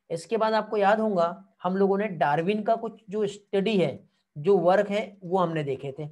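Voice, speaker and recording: High in pitch with a darkish tone, this man teaches biology in an online exam-prep session. He repeatedly calls his students "beta," often asks "theek hai" to confirm they're keeping up, and answers their comments.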